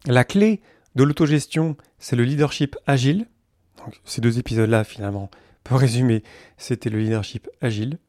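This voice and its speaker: A man talks through a solo podcast episode in an earnest, emphatic way, piling up lists of verbs. His voice sits at a middle pitch. The recording is close and dry, with no room sound. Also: moderate pace, darkish tone, no echo. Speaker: podcast host. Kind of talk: solo explanatory podcast monologue.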